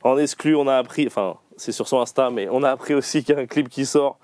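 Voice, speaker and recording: A man's voice: medium pitch, fast, darkish tone, dry recording. A man hosting a casual livestream interview, firing off playful either-or questions and laughing often. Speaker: host.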